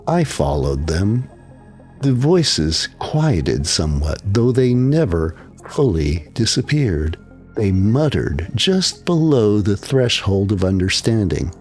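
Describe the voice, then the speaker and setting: A man narrating a horror story as scripted narration, in a slow, hushed and suspenseful way. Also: fairly low pitch.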